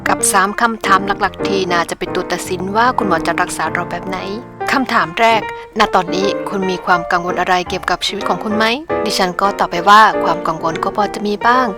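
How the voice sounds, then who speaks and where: A middle-aged woman telling her own story in a candid, reflective way for her vlog. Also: mid-range voice. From Thailand. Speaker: vlogger. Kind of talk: personal narration. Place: home in Japan.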